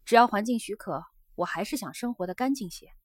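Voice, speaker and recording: Woman doing a young geisha, pleading and pushy, voice lifted higher and louder than the narration, dry sound with no room in it. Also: brisk, dry recording, close to an everyday voice. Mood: earnest. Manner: earnest, coaxing and insistent.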